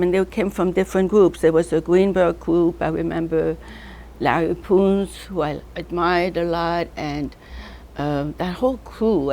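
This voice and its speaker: An older woman artist born in North Africa reminisces in a casual interview, her fairly low voice a little mellow. She rambles loosely from one name and memory to the next, often laughing through her stories.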